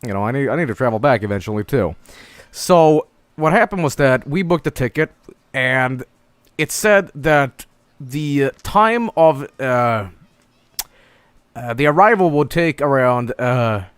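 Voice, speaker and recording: A young man telling a story live to his stream viewers, exasperated and quick to swear. His voice sounds smooth and full, sitting mid-range for a man. The sound is dry and close, with no room around it. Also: medium pitch, lively intonation, no echo. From Sweden. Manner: swearing, exasperated, acts out his own panicked lines.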